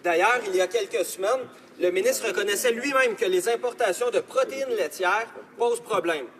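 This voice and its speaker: Male MP, Quebec French accent, very high voice, formal challenge, reverberant hall. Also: brisk, a bit bright. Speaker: member of parliament asking a question. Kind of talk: formal prepared parliamentary question. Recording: reverberant chamber.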